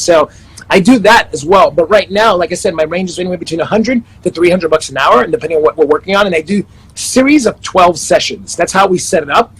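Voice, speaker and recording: Over a rough recording comes a husky, fairly high-pitched man. He is a life coach in his thirties from Panama and the Netherlands, chatting upbeat and self-promoting in a casual interview by video call, often starting over.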